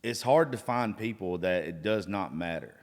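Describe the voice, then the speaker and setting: A man's voice: deep voice, animated, moderate pace. A hungover man in his thirties hosting a casual podcast chat, rambling, gushing and swearing freely. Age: 30s. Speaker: podcast host. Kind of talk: casual chat, profanity-laden. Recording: reverberant room.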